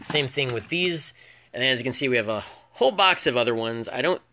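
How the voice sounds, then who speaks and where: A man's voice: lively intonation, fairly quick, background noise. A man presenting items as a home shopping host in a casual, unscripted, rambling and hesitant way. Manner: rambling, hesitant item-by-item pitch with prices.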